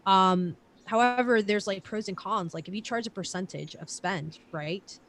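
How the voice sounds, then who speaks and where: A woman's voice: mid-range voice, moderate pace, a bit bright. Casual woman in her late twenties. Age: late 20s. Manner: loose, filler-heavy talk with casual swearing. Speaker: digital marketer guest. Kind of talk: casual live-stream chat.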